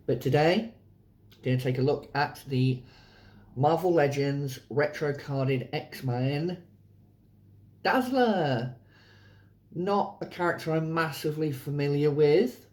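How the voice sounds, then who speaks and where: A man hosting a casual, chatty toy review, his voice hoarse from a sore throat. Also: a little high, darkish tone. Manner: informal, chatty. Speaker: host of a toy review channel.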